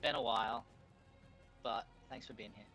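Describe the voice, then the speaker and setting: A man voicing a weary old village headman who talks gruffly and plainly, swearing under his breath. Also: on the low side, steady tone, moderate pace, pushed and bright, soft background music, poor audio.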